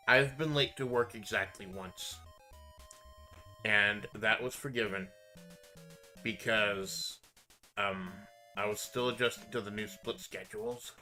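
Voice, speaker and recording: A man's voice: lowish voice, bright, forceful tone, low-quality recording. A man chatting casually on a live stream, laid-back and swearing freely, sometimes mumbling. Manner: mumbles at times.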